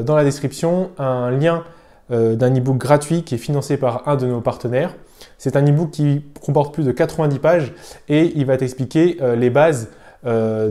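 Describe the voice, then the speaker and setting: A man's voice: medium pitch, mellow. A man hosting a finance channel, casually summarizing a book to the viewer with many hesitant fillers. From France. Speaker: host of a personal finance channel.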